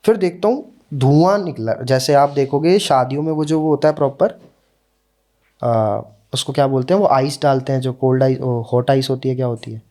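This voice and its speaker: As a podcast guest, a young man recounts a personal story in a warm, mellow voice of medium pitch. His delivery is relaxed and sincere, and he eases his pace so the emotional beats can sink in.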